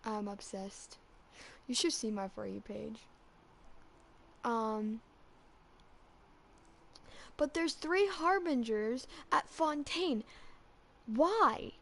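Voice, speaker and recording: A woman chatting casually as a fan vlogger, rambling and excitable with lots of restarts, her voice cracking slightly from being sick. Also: fairly high pitch, extremely slow, vocal fry, pauses often. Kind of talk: casual chat.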